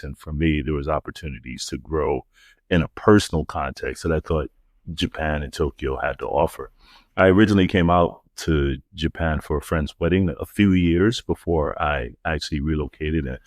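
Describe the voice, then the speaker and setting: A middle-aged man, chatting casually as a podcast guest, relaxed, with many fillers and restarts. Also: extremely low pitch, dry recording, clean studio sound. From New York (the Bronx). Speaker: podcast guest, marketing agency founder. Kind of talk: casual interview chat.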